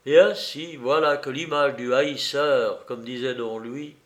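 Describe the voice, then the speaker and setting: Male audiobook narrator, slow and deliberate reading, mid-pitched voice. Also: fairly bright tone. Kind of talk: scripted narration.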